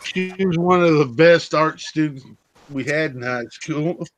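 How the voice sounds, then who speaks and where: A man's voice: on the high side, measured pace, poor audio. A man co-hosting a casual live stream, telling a story in a laid-back, rambling way. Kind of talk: casual chat.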